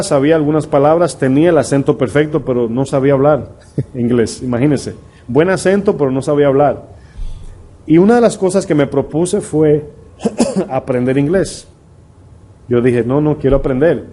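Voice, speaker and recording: A man's voice: a little high, normal speed, mellow. A middle-aged man, a pastor preaching a conversational sermon full of rhetorical questions to his congregation. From Dominican Republic.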